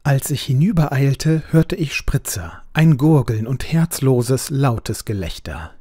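A man reading a ghost story aloud in a measured, expressive storytelling manner. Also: mid-range voice, breathy edge, no room sound, clean studio sound. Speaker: audiobook narrator. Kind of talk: scripted story narration.

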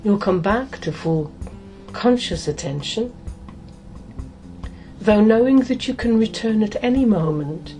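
A middle-aged woman hypnotist guides a meditation, speaking soothingly and deliberately in short phrases separated by pauses. Her voice is medium-pitched and warm.

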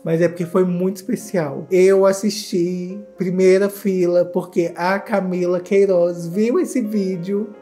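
A Brazilian man narrates a comedic reaction, his delivery campy, exclamatory and full of gossip. His voice is mellow and soft-edged. Faint music plays underneath. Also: high voice, steady tone, measured pace, hardly any pauses. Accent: Brazilian Portuguese. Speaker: YouTuber host.

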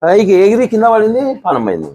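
A man, a bull owner and farmer, telling stories in an interview in a rapid rural way. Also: sits high, huge pitch swings, dark tone, husky. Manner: rapid rural storytelling, re-enacts quoted speech. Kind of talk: storytelling in an interview.

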